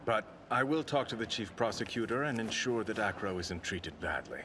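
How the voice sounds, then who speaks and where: A composed, authoritative official from a video game. The voice is low and forceful, with terse delivery. Faint noise sits behind it. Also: male voice, animated, moderate pace. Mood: calm. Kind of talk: video game character voice acting.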